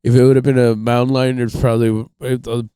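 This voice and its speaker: A man's voice: mid-range voice, level tone, a little fast, warm tone, clean tone, dry recording, clean studio sound. A man telling a rambling, profane story on a casual podcast, full of fillers. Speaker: podcast host.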